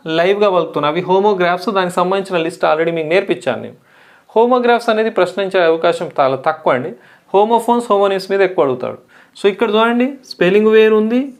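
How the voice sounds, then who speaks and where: Telugu-accented male grammar teacher. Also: high voice. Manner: explains step by step, asks and answers own questions. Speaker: English teacher. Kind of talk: exam-prep grammar lesson.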